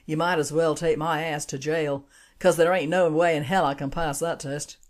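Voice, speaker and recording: Brief: woman reading a drunk country man, blunt and coarse, fairly low. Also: steady tone, moderate pace, close to an everyday voice. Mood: resigned. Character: drunken good old boy man from Tennessee.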